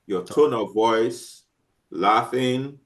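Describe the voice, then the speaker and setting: A male teacher lectures a class in a halting way, full of fillers and restarts. He keeps stopping to ask whether students have understood. His voice sits at an ordinary middle pitch.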